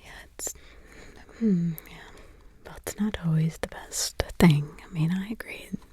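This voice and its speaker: In this ASMR roleplay, a woman creator plays a weary, wry witch mother hiding out in the forest. Her voice is lowish, mellow and natural, delivered as an unvoiced whisper that is slow and drawn-out.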